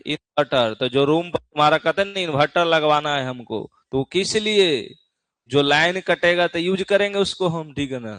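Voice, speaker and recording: A male physics teacher lectures his class in a chatty manner, teasing students and frequently asking "theek hai na?" to check they follow. His voice is on the high side and a bit bright, with no echo.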